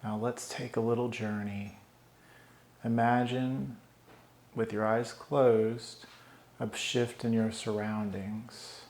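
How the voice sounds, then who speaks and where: Slow, calm male meditation guide. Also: medium pitch, a little hiss or hum. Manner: calm, soothing instructions with long pauses. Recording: roomy echo.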